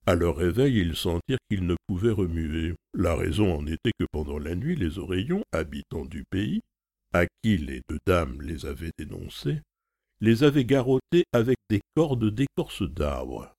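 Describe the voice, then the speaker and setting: A man reads a classic novel aloud with measured, expressive storytelling. His voice is very deep, husky and gravelly, with lively intonation. The recording is dry and close. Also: dry recording. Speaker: audiobook narrator.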